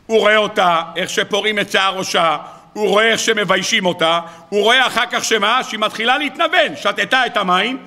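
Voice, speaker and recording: A man, a rabbi, giving a sermon full of stories and acting out the dialogue with lively voices. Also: sits high. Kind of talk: sermon with storytelling.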